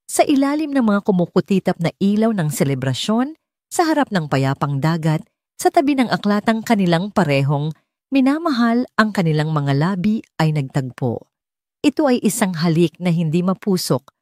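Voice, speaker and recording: A woman with a Filipino accent narrates a scripted romance story as an audiobook reader. Her mid-range voice is a little mellow, and the studio recording is clean with no room sound.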